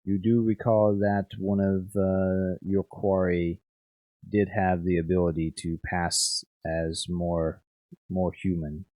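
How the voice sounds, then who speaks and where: A man running a tabletop game as game master, narrating haltingly with many restarts. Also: low-pitched, little pitch movement, darkish tone, no room sound.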